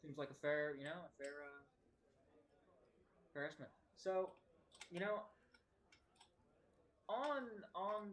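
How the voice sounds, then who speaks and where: A man's voice: a little high, fairly bright tone. Wry, joking man playing a tabletop game. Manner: wry, joking, crude banter. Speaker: player. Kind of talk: in-character tabletop role-play.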